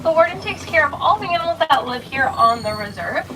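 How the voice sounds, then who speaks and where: Woman safari guide, cheerful scripted spiel, outdoor loudspeaker, distant, engine noise behind. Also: high voice, lively intonation, brisk. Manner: cheerful, addresses riders as friends. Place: open-air safari truck outdoors.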